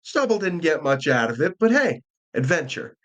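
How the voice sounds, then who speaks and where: A man running a tabletop game as dungeon master, chatty and quick, laughing often. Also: on the high side, very animated, fairly bright tone, rough recording.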